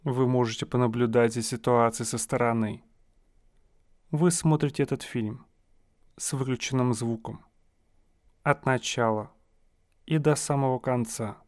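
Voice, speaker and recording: A man guiding a listener through a hypnosis session, speaking in slow, soothing, suggestive phrases. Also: mid-range voice, dry recording, studio quality.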